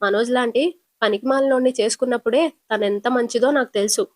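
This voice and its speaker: A woman puts on a teasing young cab driver from a retold TV serial. He pokes and pries at his passenger in a slightly high, dry-sounding voice, short and blunt. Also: fairly even intonation, fast talker, dry recording, natural voice. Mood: prying. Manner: teasing, probing questions.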